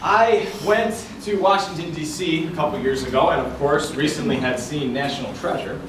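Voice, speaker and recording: A man giving a tall tale speech in a theatrical storytelling manner with deliberate dramatic pauses, recorded indoors. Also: a little high. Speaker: contestant in a club speech contest. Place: indoor room before an audience. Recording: echoey room, far from mic, noisy.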